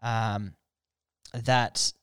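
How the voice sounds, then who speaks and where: A man's voice: lowish voice, little pitch movement, very slow, fairly bright tone, clear, resonant tone, no room sound, studio quality. An Australian man hosting a podcast in a casual comedic monologue, blokey and irreverent, with heavy swearing and slang. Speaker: podcast host.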